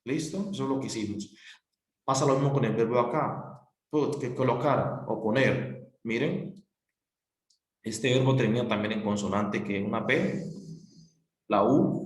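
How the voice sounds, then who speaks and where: Patient male teacher in an echoey room. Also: medium pitch. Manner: patient, repetitive, spells out letters. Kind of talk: recorded classroom explanation.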